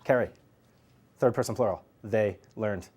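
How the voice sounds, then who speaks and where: In a Greek grammar class, a man with a low, darkish voice drills his students at an unhurried pace. He jokes with them and laughs as the lesson goes on.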